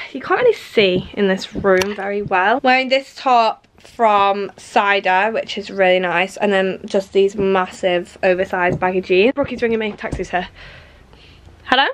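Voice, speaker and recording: A woman in her twenties chatting casually to camera at home in a rambling, self-mocking way. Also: mid-range voice. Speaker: vlogger. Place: at home, indoors.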